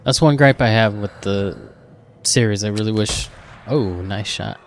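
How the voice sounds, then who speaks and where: A man's voice: on the low side, a little slow, a little hiss or hum. A man hosting a reaction video, chatting casually and thinking aloud as he comments.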